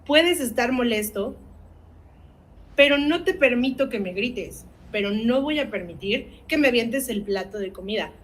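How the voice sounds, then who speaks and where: A woman's voice: on the high side, poor audio. A woman, an academic coordinator leading a parenting workshop, speaking earnestly and asking her audience rhetorical questions.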